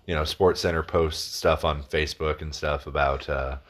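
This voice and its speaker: Male podcast co-host, very deep voice, rambling casual delivery with freely dropped swears. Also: steady tone, normal speed. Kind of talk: casual chat.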